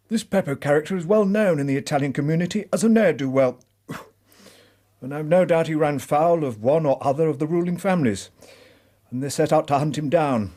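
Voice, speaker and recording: An actor playing a brisk, self-satisfied English police inspector in a radio drama, blunt and talkative. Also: male voice, fairly high pitch, a little mellow. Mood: self-important. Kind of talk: British radio drama acting.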